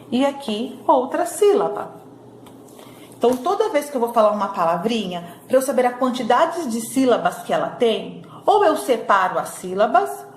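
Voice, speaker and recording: A woman teaching a recorded lesson to young children, sounding out syllables slowly and checking in often. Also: fairly high pitch, slight background noise. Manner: slow syllable-by-syllable drilling, frequent "tá bom?" checks. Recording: echoey room with faint ambience.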